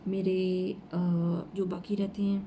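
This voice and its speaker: A woman giving an informal Quran lesson, walking slowly through the letters of each verse. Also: mid-range voice, monotone, warm tone, a little hiss or hum. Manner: slow, explaining letter by letter. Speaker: Quran teacher.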